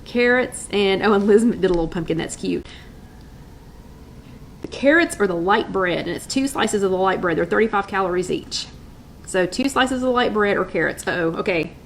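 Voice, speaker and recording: A woman's voice: medium pitch, normal speed, a little hiss or hum, low-quality recording. Chatty woman hosting live. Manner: chatty, upbeat, reads out viewer names and votes. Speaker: host of a live weight-loss chat. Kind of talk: casual live-stream chat reading viewer comments.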